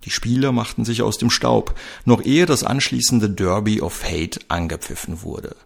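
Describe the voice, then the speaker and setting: Low gravelly male story narrator. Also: normal speed. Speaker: narrator of a crime serial. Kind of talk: scripted audio-drama narration.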